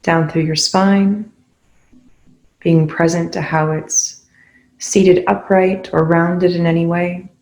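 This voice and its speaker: A meditation guide speaks calmly and instructively in a mid-pitched voice with noticeable vocal fry. The delivery is slow, leaving space between phrases, and the audio quality is poor.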